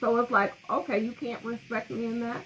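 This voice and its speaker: A woman with a fairly high voice co-hosts a casual podcast chat. She talks in a gentle, instructive way, laughing often. A faint hiss of noise sits behind her. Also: little pitch movement, a little fast, rough recording. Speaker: podcast co-host.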